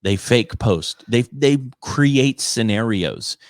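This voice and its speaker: A man's voice: medium pitch, expressive, slow pace, dry recording, studio quality. A man who works as a comedian, ranting casually in an exasperated, emphatic way and often repeating himself. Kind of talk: casual conversational rant.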